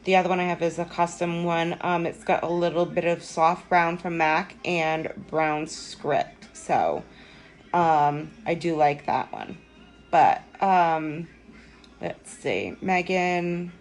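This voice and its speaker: A woman's voice: on the low side, takes it slowly, faint music behind. A young woman hosting a live makeup tutorial from home, rambling and self-deprecating as she chats with viewers. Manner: rambling, self-deprecating, lots of ums and likes.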